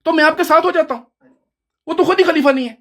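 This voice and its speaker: Male debater, combative and preachy, talks over the other side in a heated online debate. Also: extremely high pitch.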